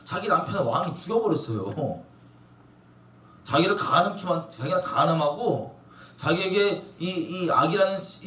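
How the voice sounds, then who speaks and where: A man's voice: sits high, fairly bright tone. A man preaching a sermon as a pastor, emphatic and questioning the congregation. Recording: echoey room from a distance.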